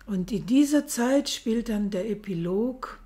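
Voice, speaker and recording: A woman giving a thoughtful book review, speaking softly with occasional hesitations. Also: on the high side, lively intonation, measured pace. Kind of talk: book review with read-aloud passage.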